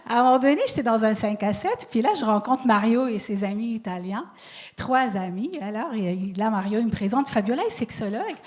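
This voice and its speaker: A woman comedian with a non-Québec French accent tells self-mocking stories on stage. Her voice sits a little high, and she laughs easily between her punchlines. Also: a little fast, a little mellow. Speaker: stand-up comedian. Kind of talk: stand-up routine.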